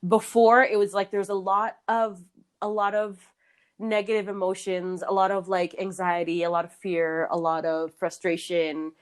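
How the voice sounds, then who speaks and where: A woman's voice: medium pitch, level tone, normal speed, smooth. A young woman co-hosting a podcast, talking candidly and with lots of laughter, restarts and fillers. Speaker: podcast co-host. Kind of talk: casual chat.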